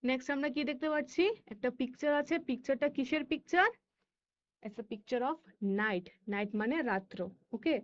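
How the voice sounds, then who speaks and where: An English teacher whose first language is Bengali, and who speaks with a Bengali accent, teaches a class of children. Her high voice reads words slowly and deliberately, with quicker asides, and the recording is muffled.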